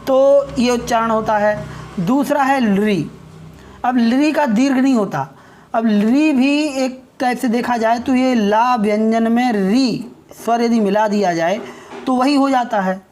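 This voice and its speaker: A woman from India, teaching a pronunciation lesson in a slow, explanatory way and often checking in with her listeners. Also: fairly high pitch, a little mellow, a little hiss or hum. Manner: spells out and drawls sounds for demonstration.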